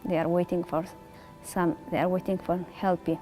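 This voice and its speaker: A woman speaks earnestly in a documentary interview, using simple, direct phrasing. Her voice is low-pitched and warm. Faint music runs beneath her. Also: level tone, moderate pace. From Eritrea. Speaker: resettled refugee.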